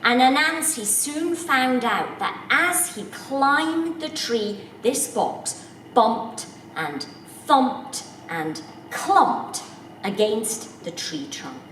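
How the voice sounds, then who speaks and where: A woman telling a folk tale to children in an unhurried, expressive way, speaking directly to her listeners. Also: high voice, distant mic, slight background noise. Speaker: storyteller. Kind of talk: storytelling for children. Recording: roomy echo, voice from off the mic, faint background.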